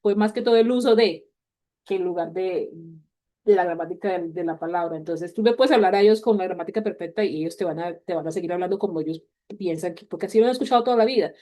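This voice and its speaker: Female teacher walking students through a lesson step by step; low, warm, relaxed delivery. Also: fast. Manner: explains step by step, mixing in English words. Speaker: English teacher. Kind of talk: online class walkthrough.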